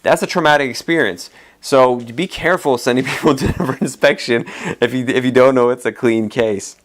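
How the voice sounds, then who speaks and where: A man's voice: mid-range voice, moderate pace. A man who is an immigration attorney, hosting a solo podcast in a casual, rambling way with many fillers and restarts, his voice tired from a long day of talking.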